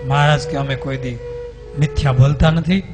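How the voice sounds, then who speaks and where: A man's voice: mid-range voice, fairly even intonation, moderate pace, music in the background. A man with a Gujarati accent preaching a devotional story sermon, acting out the characters' dialogue as he tells it. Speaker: swami preacher.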